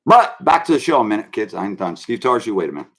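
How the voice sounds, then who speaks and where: A man's voice: lowish voice, big pitch swings, quick pace. A man hosting his own online show, ranting loosely and calling his viewers kids. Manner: brash, swaggering, addresses viewers as kids. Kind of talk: rambling live-stream rant.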